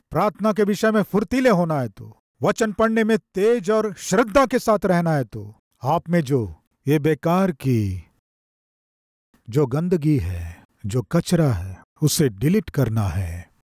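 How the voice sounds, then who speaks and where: Slow, emphatic male preacher. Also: a little high, expressive, darkish tone, no echo, clean studio sound. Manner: slow, emphatic preaching with repeated phrases and dramatic pauses. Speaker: pastor. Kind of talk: sermon. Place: stage with a lectern, indoors. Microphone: podium microphone.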